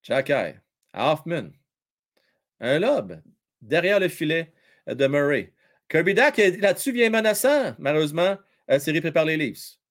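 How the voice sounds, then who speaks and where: Brief: male Québécois play-by-play caller, fairly high voice, swings wildly in pitch, shouts at chances. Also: a little slow. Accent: Québécois French. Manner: animated, shouts at big plays, chats with chat viewers. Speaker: hockey commentator and live-stream host. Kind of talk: excitable live play-by-play commentary.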